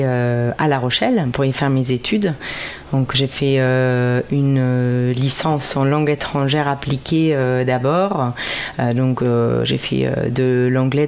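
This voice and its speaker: A woman's voice: extremely low pitch, darkish tone, clean tone. Rambling German-accented woman in her thirties. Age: 30s. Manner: rambling, hesitant, many fillers. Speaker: guest singer. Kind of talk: radio interview.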